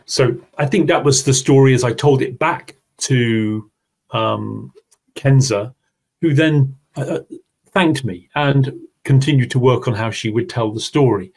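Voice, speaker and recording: Here a webinar presenter talks his audience through his slides in an explanatory teaching seminar online. The voice is medium in pitch, a little slow and mellow, with a breathy edge.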